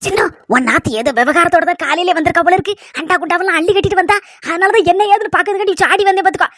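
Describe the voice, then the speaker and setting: A woman's voice: extremely high pitch, racing. A young woman acting a nosy, scolding old village mother-in-law in a comedy sketch, speaking with a Kanyakumari Tamil accent. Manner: nosy, loud, complaining.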